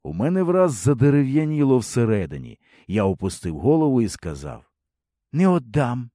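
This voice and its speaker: Male audiobook reader, mellow tone, lively comic delivery. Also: mid-range voice, a little fast, no room sound, studio quality. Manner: expressive, comic storytelling. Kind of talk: scripted storybook narration.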